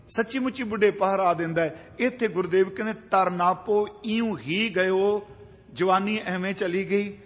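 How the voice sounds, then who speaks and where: A high-pitched man in his fifties preaches a sermon. He chants scripture lines slowly, then breaks down each word in plain, everyday speech. His voice rings with a long reverb, as if in a large hall. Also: a bit bright. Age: 50s. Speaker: Sikh preacher.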